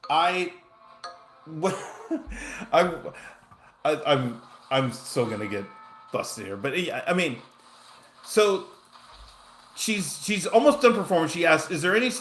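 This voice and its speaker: A man's voice: fairly high pitch, lively intonation, slow pace, pauses often. A young man chatting casually over his gameplay, rambling and self-deprecating while telling a story. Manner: rambling, self-deprecating, frequent fillers and restarts. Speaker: gaming streamer.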